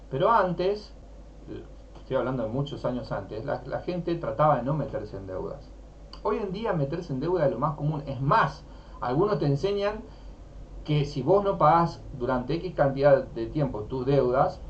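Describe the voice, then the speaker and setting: Emphatic Rioplatense man with sore throat. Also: fairly high pitch. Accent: Rioplatense Spanish. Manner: emphatic, asks rhetorical questions. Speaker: personal finance teacher. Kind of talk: teaching talk. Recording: dull lo-fi with faint noise.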